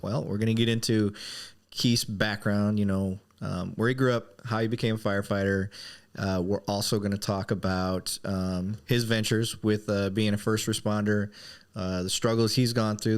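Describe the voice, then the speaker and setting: A man's voice: on the low side, clear, resonant tone. A man hosting a podcast in an informal, joking, self-deprecating way. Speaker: podcast host. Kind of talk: casual chat, informal hosting.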